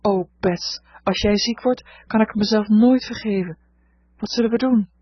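An impulsive teenage sister in a storybook reading, urgent and self-reproaching, as a woman reads her lines. The voice is husky and dry. The recording sounds dull and lo-fi. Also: medium pitch, moderate pace, no echo, natural voice. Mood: frightened. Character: anxious impulsive teenage girl, older sister.

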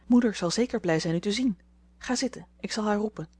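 A woman's voice: mid-range voice, a little fast, a little mellow, husky, lightly acted. A woman reading as a flustered, timid young girl. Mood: shy. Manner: stammering, shy.

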